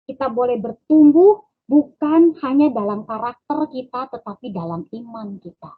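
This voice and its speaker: A fairly high, breathy woman's voice shares a personal testimony at an online prayer meeting. She speaks directly to her listeners and acts out small exchanges with her child. The sound comes over a thin, narrow phone-like line. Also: moderate pace. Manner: addresses listeners as "Bapak Ibu sekalian". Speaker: lay preacher sharing a testimony.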